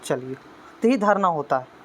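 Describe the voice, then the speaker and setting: Tutor coaxing with "है ना". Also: male voice, a little high, expressive, normal speed, fairly bright tone, slight background noise. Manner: constant "है ना" tag questions, coaxing students; motivational, urging hard study. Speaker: teacher. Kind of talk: exam-prep lesson.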